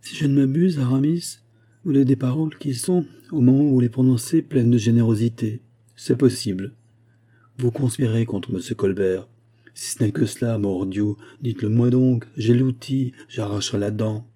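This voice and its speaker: A man's voice: medium pitch, moderate pace, mellow, breathy edge, lightly acted. A man reading an audiobook, voicing a bold male musketeer who presses his friend with emphatic oaths. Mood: insistent. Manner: insistent, emphatic, swearing oaths.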